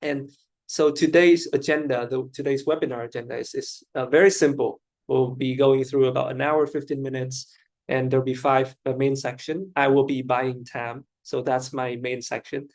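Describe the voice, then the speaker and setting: Chatty man moderating a webinar, flat. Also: medium pitch, normal speed. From Vietnam. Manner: chatty, self-deprecating, with frequent fillers. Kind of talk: hosting an online webinar. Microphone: video call.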